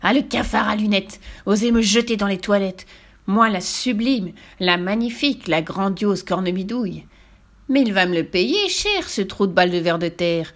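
A woman doing a shrill, vain old witch. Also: lively intonation, natural voice. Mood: furious boasting. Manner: theatrical, shrill insults, drawn-out gloating. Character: vain cackling old witch, furious and boastful.

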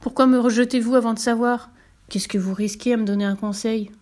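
A woman's voice: on the high side, steady tone, fairly quick, darkish tone, natural voice. A woman voicing a timid, polite little male devil who talks meekly and eagerly. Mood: insistent. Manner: meek, pleading, eager to please.

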